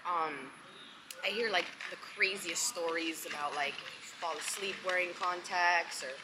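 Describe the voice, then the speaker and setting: A young woman with a fairly low voice chats casually to her viewers while eating. It is a mukbang-style vlog, recorded with loud ambient noise like a vehicle behind her. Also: a little slow. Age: twenties. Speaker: vlogger. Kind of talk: casual mukbang chat to camera.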